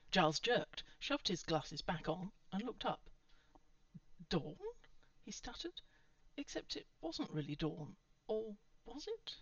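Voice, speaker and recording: A woman reads a story aloud with steady, measured narration. Her voice sits low and slightly dull. The recording is dry, with no room sound. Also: dry recording. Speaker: audiobook reader. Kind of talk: reading fan fiction aloud.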